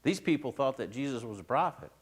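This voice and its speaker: A man preaching a sermon in his church in a conversational way, swinging between loud emphasis and quiet asides. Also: mid-range voice, expressive, quick pace, husky. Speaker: pastor.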